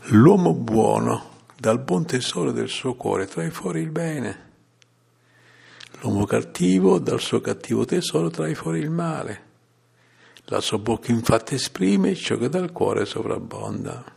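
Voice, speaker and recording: Man, sermon, solemn measured scripture reading, gravelly fry, husky tone. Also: medium pitch, lively intonation, a little mellow. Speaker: preacher.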